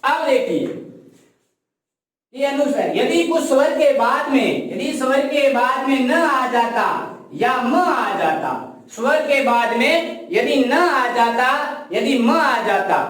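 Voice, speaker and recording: Slow, drilling teacher in an echoey room. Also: sits high, expressive, a bit bright. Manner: asks questions and answers them, drilling by repetition; explains while writing on a board. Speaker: Sanskrit grammar teacher. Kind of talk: classroom lesson in Hindi. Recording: very echoey room, voice far from mic.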